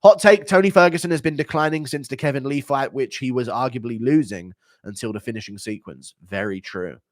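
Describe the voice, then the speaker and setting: A man's voice: mid-range voice, a little fast, no echo, clean studio sound. A man from the United Kingdom, sick today, hosting a casual livestream, reading donations and joking in a profane, mocking way. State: sick, unwell.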